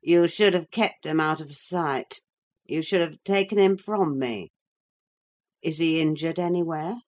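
A woman's voice: low voice, a little slow, a little mellow. A woman reading a snarling, drunken young father. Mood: blaming. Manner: snarling, reckless threats. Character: drunken cruel young father, menacing man. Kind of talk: audiobook character reading.

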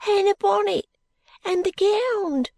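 Brief: woman voicing a scared street urchin boy; breathy, high, halting, dry booth. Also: darkish tone, no room sound, heavily acted. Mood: bewildered. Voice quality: high, thin and breathy, often half-whispered. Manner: slow, halting, ungrammatical street speech. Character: ragged, frightened young street boy. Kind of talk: audiobook character voice.

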